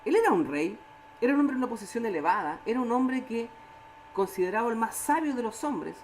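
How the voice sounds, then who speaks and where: A woman with a Chilean Spanish accent leading a church Bible study, animated, acting out quoted voices and often checking in with her listeners. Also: a little high, fairly quick, a little hiss or hum, rough recording.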